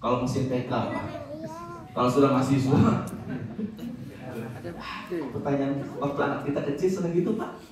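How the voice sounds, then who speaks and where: A man preaching a religious study talk to an audience, lively and acting out parents' voices, sometimes reciting Arabic verses slowly. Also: mid-range voice, crowd noise. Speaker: Islamic preacher. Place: large hall before an audience. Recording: echoey hall, voice from far off.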